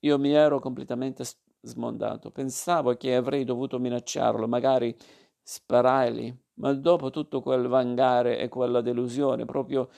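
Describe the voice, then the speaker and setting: A man reading a literary story aloud, narrating in a measured, plain way. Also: medium pitch, flat delivery, creaky, warm tone.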